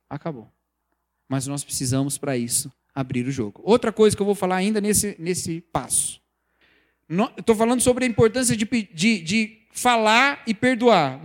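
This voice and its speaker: A man preaching a sermon, lively and conversational, acting out the quoted voices of people he talks about. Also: high-pitched, moderate pace. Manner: animated, acts out quoted voices, mocking examples. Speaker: pastor or preacher.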